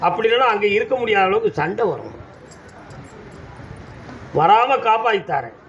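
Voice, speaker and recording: A man from Tamil Nadu with a southern Tamil accent speaks as the deity at a village temple, in a trance oracle addressing devotees with commanding, scolding answers. His high-pitched, slightly bright voice swings widely in pitch at a moderate pace. The audio is dull, with faint background noise.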